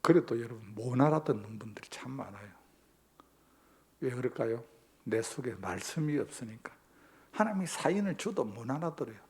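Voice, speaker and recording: A man's voice: mid-range voice, expressive, moderate pace, husky. A male pastor, preaching a sermon emphatically and posing rhetorical questions to the congregation.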